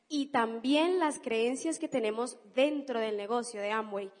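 A Colombian woman from Cali giving an enthusiastic, emphatic motivational business talk to an audience. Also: high-pitched. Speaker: business speaker. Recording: reverberant hall.

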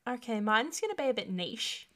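A woman's voice: fairly high pitch, very animated, brisk, pushed and bright. A woman co-hosting a podcast in playful, giggly casual chat. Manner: giggly, playful, often laughing. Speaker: podcast co-host.

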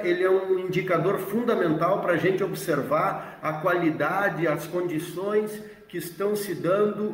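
Man, Brazilian accent, slightly high voice, halting explanatory delivery, roomy echoing sound. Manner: halting, repeats words while searching for phrasing. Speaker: agricultural extension worker, interviewee. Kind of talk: explanatory presentation. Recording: roomy, echoey, distant from the mic.

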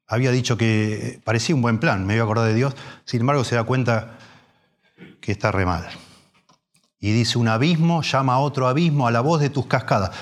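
A man, preaching a sermon in a conversational way, full of restarts and rhetorical questions. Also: medium pitch.

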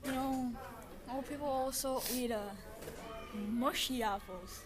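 Slow, hesitant higher-voiced woman. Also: a crowd in the background. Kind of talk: casual chat.

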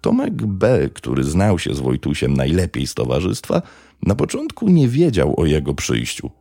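A man narrating a true crime story in a measured, dramatic way. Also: very deep voice, wildly swooping pitch, creaky, mellow, husky, no echo, studio quality.

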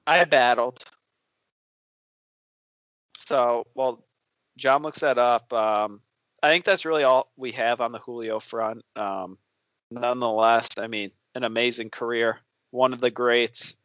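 A man's voice: medium pitch, measured pace, pauses often, a bit bright, no room sound. A man co-hosting a casual sports talk show, loose and self-deprecating, with many ums. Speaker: sports podcast co-host. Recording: dull lo-fi, dry sound.

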